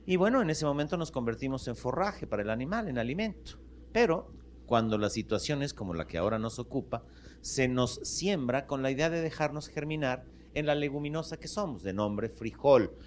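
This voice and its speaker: A man's voice: mid-range voice, animated, fairly quick, slight background noise, close to an everyday voice. A man as a solemn, lecturing father bean. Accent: Mexican Spanish. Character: father bean, earnest and pedantic explainer.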